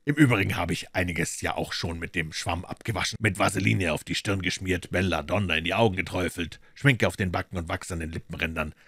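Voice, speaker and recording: Man reading as a calm clever detective, deep voice, dry sound, measured, audiobook. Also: creaky, breathy edge, dry recording, heavily acted. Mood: explaining.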